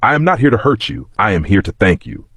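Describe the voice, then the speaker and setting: A man voicing a kind, gentle, wealthy father who speaks calmly and reassuringly in a storybook narration. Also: fairly low pitch, fast, slightly rough, dry recording, studio quality, heavily acted. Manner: calm, soft-spoken and reassuring.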